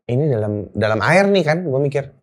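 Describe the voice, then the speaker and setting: A woman's voice: very deep voice, a little fast. A woman guest telling a story in a casual interview, talking in slang, repeating words for emphasis and acting out her own thoughts. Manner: animated, acts out quoted thoughts.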